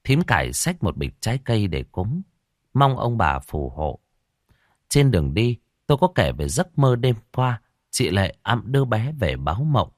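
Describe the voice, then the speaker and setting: Expressive male storyteller, low voice. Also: normal speed, dry recording, studio quality. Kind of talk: scripted story narration.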